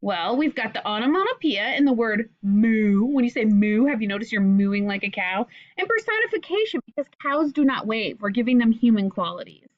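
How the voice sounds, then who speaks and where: A woman teaching figurative language to children, asking questions and sounding words out slowly in an encouraging way. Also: a little high, very animated. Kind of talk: explaining lesson to children. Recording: dull lo-fi recording.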